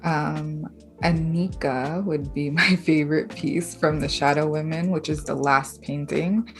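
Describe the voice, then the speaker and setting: Low-voiced young woman from Bangladesh. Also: fairly even intonation, unhurried, faint music behind. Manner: thoughtful, soft-spoken, with frequent fillers and light laughs. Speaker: artist and writer, interview guest. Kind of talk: casual interview conversation.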